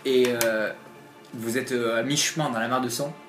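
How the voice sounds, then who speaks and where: A man's voice: medium pitch, fairly even intonation. A man narrating a horror tabletop game as game master, hesitating with many fillers. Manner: halting, filler-heavy narration. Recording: roomy echo, faint music.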